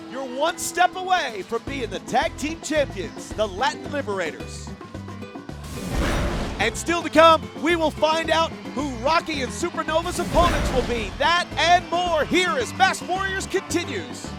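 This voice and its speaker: Lucha libre commentator, male, emphatic wrestling play-by-play in a very high register over prominent music. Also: animated, a little slow. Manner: emphatic, dramatic announcing.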